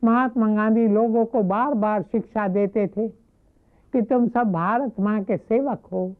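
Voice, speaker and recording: A woman giving a devotional talk, retelling a story in a measured, reverent way. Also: a little high, steady tone. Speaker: spiritual speaker. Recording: narrow phone-like lo-fi audio.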